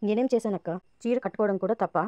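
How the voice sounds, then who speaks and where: A woman's voice: mid-range voice, fast, dark tone, dry recording, natural voice. A woman narrator reading the lines of a naive, pushy young woman. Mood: impatient. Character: naive pushy young woman chasing her sister's husband.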